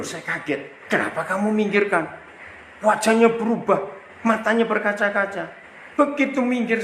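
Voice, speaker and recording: Man, pastor from Indonesia, storytelling sermon, acts out dialogue, lively swooping pitch, echoey hall. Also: creaky, slight background noise. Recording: echoey hall with faint ambience.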